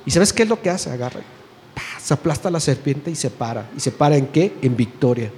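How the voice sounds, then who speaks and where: A man giving an informal sermon, chatting with the audience, asking questions and answering them himself, and reading scripture slowly and emphatically. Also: medium pitch, animated, darkish tone. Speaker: lay preacher. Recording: faint noise, long reverb in a hall.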